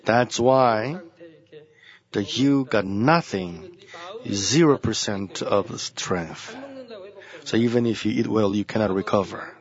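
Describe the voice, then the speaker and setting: A man delivers a sermon as senior pastor, unhurried and earnest. He circles back to repeat his key phrases. The recording is dull and lo-fi. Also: on the low side.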